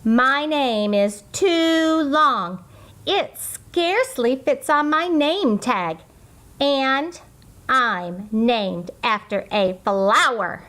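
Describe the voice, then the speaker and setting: A woman voicing a sensitive little schoolgirl in a children's storybook, expressive and childlike. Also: high voice, drawn-out words, full character voice. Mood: miserable. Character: sensitive little schoolgirl, easily delighted or wounded.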